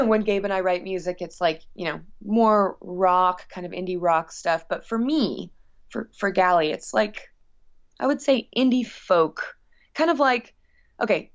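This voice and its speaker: In a lowish voice with the highs cut off, a woman talks casually in an interview about her work as a musician. She rambles expressively and makes frequent asides.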